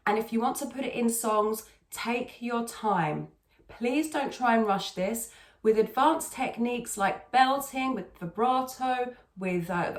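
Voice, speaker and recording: A woman with a mid-pitched voice gives a conversational singing lesson in a roomy, echoing space. She explains technique step by step like a teacher and repeats key words for emphasis. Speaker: singing teacher and video host. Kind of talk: conversational vocal technique tutorial. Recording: echoey, roomy sound.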